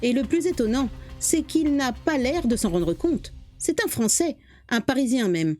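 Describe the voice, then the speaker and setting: Expressive woman narrating a dramatic story. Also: high-pitched, unhurried, faint music behind. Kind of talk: scripted narration.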